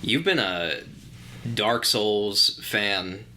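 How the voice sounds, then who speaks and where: A young man with a fairly low voice and a bright, forceful tone. He co-hosts a laid-back podcast chat, explaining things at length in an easygoing way with plenty of fillers. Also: expressive, extremely slow, a little hiss or hum. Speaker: podcast co-host.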